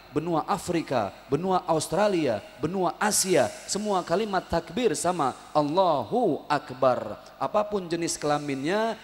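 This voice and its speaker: A Jakarta-born man preaching with a slightly high voice, animated and humorous. He keeps calling on the congregation to answer him back. The long reverb of a prayer hall trails behind his words. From Betawi, Jakarta. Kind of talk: lively religious sermon with call-and-response. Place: prayer hall at an evening gathering.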